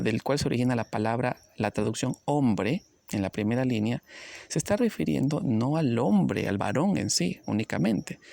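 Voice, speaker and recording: A man teaching a Bible study lesson, explaining passages step by step, often checking in with his listeners and reading verses aloud slowly. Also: medium pitch, gravelly, darkish tone, dry recording. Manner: reads scripture aloud slowly.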